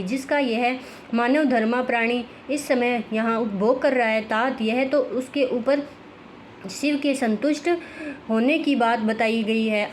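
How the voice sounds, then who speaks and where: A woman reading a scripture story aloud, halting and restarting many words as she goes. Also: a little high, slight background noise. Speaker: scripture reader.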